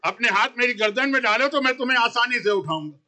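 A grieving older father, gentle and patient, speaking in tender, pleading words, as a preacher voices him in his sermon. The voice is strikingly high and piercingly bright. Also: animated, heavily acted.

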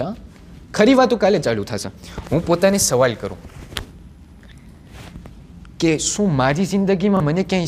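A seventeen-year-old young man giving a religious sermon to a gathering, telling the story with animated delivery and rhetorical questions. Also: high-pitched, a little hiss or hum. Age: 17, teenage. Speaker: majlis preacher.

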